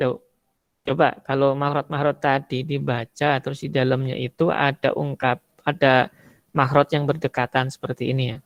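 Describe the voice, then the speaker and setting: A man's voice: mid-range voice, level tone, normal speed, creaky, dry recording, highs cut off. A man from Indonesia teaching an online Arabic rhetoric lesson in a conversational way, explaining with spoken examples. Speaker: religious teacher.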